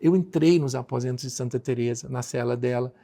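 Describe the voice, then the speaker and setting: A man's voice: medium pitch, fairly quick, creaky, mellow. A Brazilian man with a Brazilian Portuguese accent, telling a devout personal story as a guest in a podcast conversation.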